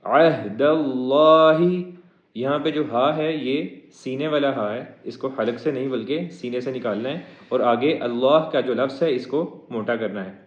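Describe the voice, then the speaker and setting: A man teaching a Quran recitation lesson, moving between slow melodic chanting of verses and brisk spoken explanation of pronunciation rules. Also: mid-range voice. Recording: echoey, dull lo-fi audio.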